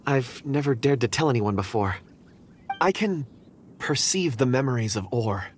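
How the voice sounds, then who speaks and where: Man as modest young man, mid-pitched, lively intonation, courteous, earnest, video game acting, faint ambience. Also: normal speed, slight background noise, natural voice. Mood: hesitant. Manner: hesitant, polite, earnest.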